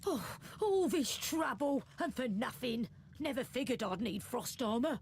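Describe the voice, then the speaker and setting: A woman's voice: high voice, unhurried, gravelly, slight background noise. A woman playing a suave, mocking female thief in a fantasy video game, sassy and insincerely sweet. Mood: annoyed.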